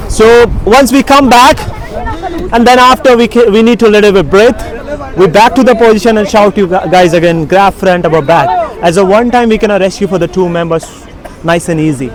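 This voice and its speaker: A man with a high voice instructs a group on rafting safety. His English is halting and non-fluent, with frequent checking questions. People and outdoor sounds are heard behind him. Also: rough recording. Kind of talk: spoken safety briefing to a group.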